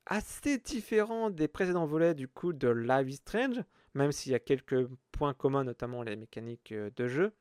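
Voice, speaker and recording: A man's voice: on the high side, no room sound, studio quality. A man hosting a casual solo podcast, rambling with lots of hesitations. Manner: rambling, many hesitations and fillers. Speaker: podcast host.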